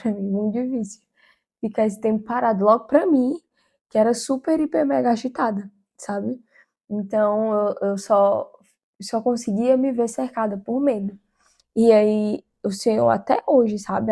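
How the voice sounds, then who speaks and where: Soft-toned young woman sharing testimony. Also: fairly high pitch, creaky, breathy edge. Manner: earnest, chatty, many fillers. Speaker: vlogger. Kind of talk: personal testimony.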